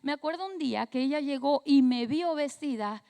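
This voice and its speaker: Slightly hoarse high-voiced woman pastor. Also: moderate pace, dark tone, in a large hall. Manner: conversational, tag questions. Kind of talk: personal story in a sermon.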